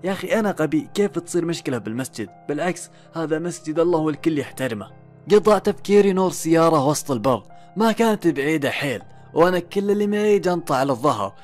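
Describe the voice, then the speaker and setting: A man tells a horror story in the first person at a brisk, rushing clip. His voice sits a little high for a man. He builds suspense with pauses and questions to himself over faint background music.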